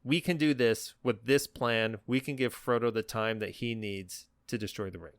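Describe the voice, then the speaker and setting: A man's voice: medium pitch, fairly even intonation, normal speed, clear, resonant tone, no room sound, clean studio sound. A man co-hosting a podcast, talking casually and earnestly about a film he is enthusiastic about. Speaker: podcast co-host. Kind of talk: casual, reflective film discussion.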